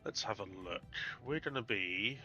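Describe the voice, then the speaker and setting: Congested from a heavy cold, a British man hosts a live game stream with tissue plugging his nose, talking casually and self-deprecatingly. He speaks at normal speed in a lowish, bright, forceful voice, with the highs cut off and soft music behind him.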